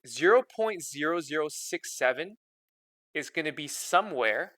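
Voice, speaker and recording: A man's voice: a little high, animated, moderate pace, bright, forceful tone, dry recording. A man teaching a math lesson in a casual, chatty way, checking in with "okay?" after nearly every step. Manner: repeats "okay?" constantly, chatty and informal.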